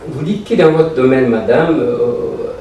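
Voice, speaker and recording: Mellow-voiced man interviewer in an echoey room. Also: medium pitch, measured pace. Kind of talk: interview questions. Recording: echoey room, voice from far off, faint noise.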